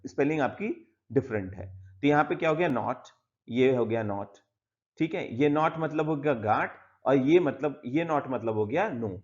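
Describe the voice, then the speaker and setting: A man's voice: on the high side, a little mellow. A man teaching an English textbook lesson in Hindi with English words mixed in. He goes through it step by step and often says "theek hai". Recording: slightly dull lo-fi audio.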